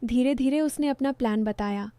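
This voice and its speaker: Female storyteller, higher pitch, warm mellow timbre, steady scripted narration. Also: moderate pace, clean tone, dry recording.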